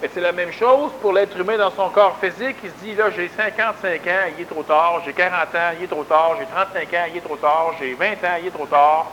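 A man's voice: sits high, brisk, hardly any pauses, sharp tone, a little hiss or hum, low-quality recording. A man with a Québécois accent giving a folksy, emphatic conversational talk, often repeating words for stress. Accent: Québécois French. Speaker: spiritual lecturer. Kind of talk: conversational lecture.

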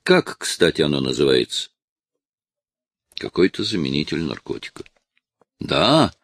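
A man voicing a desperate, tearful eighteen-year-old male addict who shouts and pleads with his father, in a dry, close recording. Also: a bass voice, very animated, measured pace, dry recording, voice pushed down, heavily acted. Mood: agitated.

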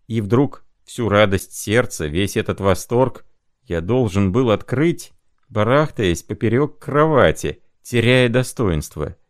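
A man voicing a tender, excitable young clerk. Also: fairly low pitch, slow, no echo, clean studio sound. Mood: earnest.

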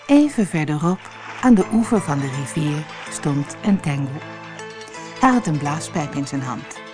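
A woman from the Netherlands reading a children's fairy tale aloud with expressive storytelling. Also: low-pitched, unhurried, over music. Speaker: narrator.

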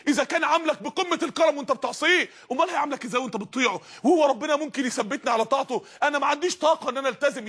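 A man preaching in an Egyptian Arabic accent, impassioned, swinging between pleading and shouting. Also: very high voice. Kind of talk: sermon.

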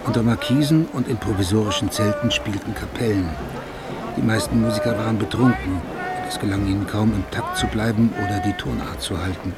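An actor playing an observant first-person narrator in a German audio drama, reading a scripted account. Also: male voice, fairly low pitch, natural voice.

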